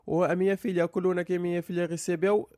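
Wry, high-voiced man doing comedy. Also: little pitch movement, fast, warm tone, dry recording, studio quality. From Cape Verde. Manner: complaining, wry. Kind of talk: comic monologue.

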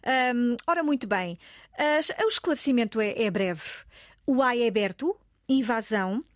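A woman with a European Portuguese accent, a language teacher clearly explaining a pronunciation point on the radio. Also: on the high side, animated, normal speed, dry recording, studio quality.

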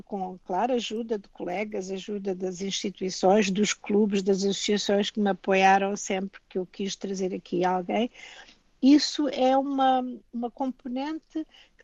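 An older Portuguese woman with a European Portuguese accent speaks as a guest in a remote interview, reflecting thoughtfully with frequent restarts and asides. Her voice is medium-pitched and a little mellow, and the recording is dry, coming through a dull lo-fi remote line.

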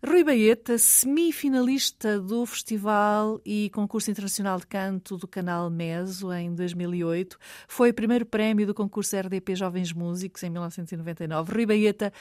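A woman's voice: mid-range voice, moderate pace, few pauses, a little mellow, no room sound, clean studio sound. A woman with a European Portuguese accent, hosting a radio interview as a composed presenter. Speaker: radio host.

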